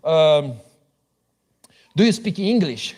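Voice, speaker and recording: A man voicing a calm, polite European man who patiently asks questions. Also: on the high side, drawn-out words, heavily acted.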